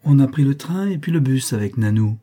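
A man's voice: mid-range voice, lively intonation, fairly quick, warm tone, husky, voice pushed up. A man voicing a shy little girl of about five who gives small, unsure, matter-of-fact answers. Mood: innocent.

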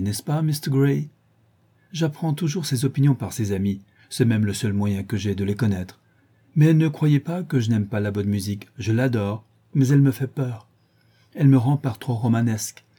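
A man's voice: mid-range voice, mellow, slightly rough, lightly acted. A man voicing a flighty, chattering aristocratic lady who flits from one idea to the next, in an audiobook reading. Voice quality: chattering, breathless flitting from idea to idea.

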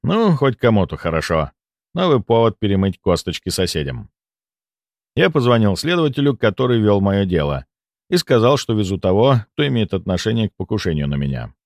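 A man narrating a first-person audiobook in a lively, expressive reading. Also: on the low side, a little fast, no room sound, studio quality.

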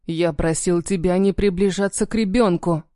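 A woman's voice: on the low side, fairly even intonation, moderate pace, dark tone, no echo, studio quality, voice pushed down, close to an everyday voice. A woman voicing a stern, cold-tempered man who speaks in clipped, commanding lines.

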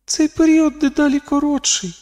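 A man's voice: extremely high pitch, fairly even intonation, moderate pace, a little mellow, pitched above the performer's own voice. A man voicing a tense teenage girl with psychic powers in an audiobook, speaking her urgent thoughts.

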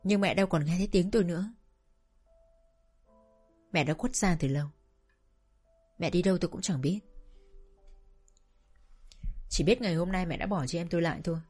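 A woman narrating a sad first-person story in a slow, sorrowful storytelling manner. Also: fairly low pitch, darkish tone, breathy edge, faint music behind.

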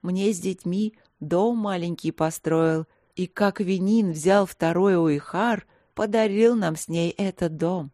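A woman voicing a timid, gentle blind young woman who speaks softly and slowly. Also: fairly low pitch, no echo, studio quality. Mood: meek. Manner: soft, slow, meek speech.

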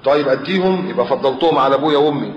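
A preacher voicing a fretful devoted son praying. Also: male voice, mid-range voice, racing, slight background noise, natural voice. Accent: Egyptian Arabic. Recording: roomy, dull lo-fi recording.

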